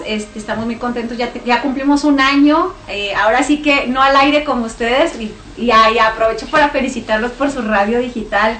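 A woman's voice: a little high, a little hiss or hum. A woman in her thirties from Chihuahua with a northern Mexican accent, talking about her faith as a guest in a radio interview, chatty and full of fillers. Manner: warm, chatty, laughing, many fillers. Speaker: guest singer and missionary. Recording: roomy studio with faint music.

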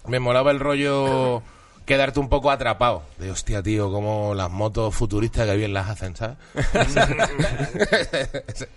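A man's voice: medium pitch, unhurried. A man with a Castilian Spanish accent chatting casually and slangily as a podcast guest. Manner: slangy, colloquial, sweary. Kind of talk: casual chat. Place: podcast recorded in a garage. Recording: slightly distant from the mic.

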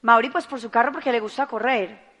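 Lady giving a pep talk to her team, high voice, lots of hall echo. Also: fairly even intonation, a little fast, fairly bright tone. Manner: emphatic, rhetorical questions to audience. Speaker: business speaker.

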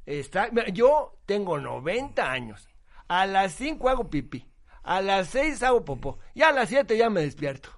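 A man voicing a boastful ninety-year-old man, speaking slowly. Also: high voice, big pitch swings, a little hiss or hum.

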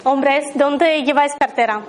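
A woman's voice: high-pitched, a little slow, crowd noise. A woman leading an abundance workshop, talking informally to a small live group, telling anecdotes and checking in with her listeners often. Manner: chatty, tells anecdotes, keeps asking the listeners "¿vale?".

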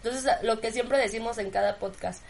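A woman's voice: fairly high pitch, moderate pace, vocal fry, a little mellow. A woman in her twenties with a Mexican accent, co-hosting a podcast in casual, slang-heavy chat and laughing often. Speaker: podcast co-host.

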